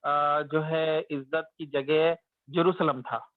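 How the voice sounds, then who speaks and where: A man's voice: on the high side, flat delivery, takes it slowly, no room sound. A man teaching religion in a conversational, storytelling way, sometimes acting out the complaints of the people he describes. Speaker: Islamic teacher. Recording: dry, tinny phone-like sound.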